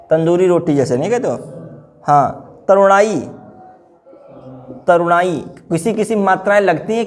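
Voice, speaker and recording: A man teaching a grammar class drills words, repeating each one and repeating answers while asking his students questions. His voice is high-pitched yet darkish in tone, with a little hiss or hum.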